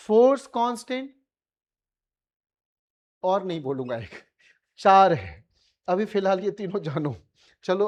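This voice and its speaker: A male physics teacher with an Indian accent, giving a colloquial classroom revision lecture and pressing his students with repeated questions. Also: sits high.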